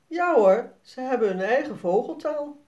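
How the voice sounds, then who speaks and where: A cheerful, patient father from a children's storybook, as the narrator puts him on. He sounds lively and encouraging, with plenty of rise and fall in his voice. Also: sits high, moderate pace, lo-fi sound, voice pushed up. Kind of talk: storybook read-aloud.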